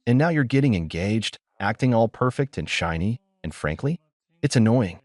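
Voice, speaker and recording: A man's voice: lowish voice, expressive, normal speed, darkish tone, no room sound, studio quality, close to an everyday voice. A man voicing a spiteful young woman, a former best friend, who talks with mocking sarcasm. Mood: sarcastic, mocking.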